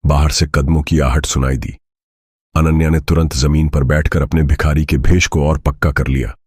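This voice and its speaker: A man narrating a scripted drama story with steady, dramatic delivery. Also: extremely low pitch, normal speed, husky, no echo, clean studio sound.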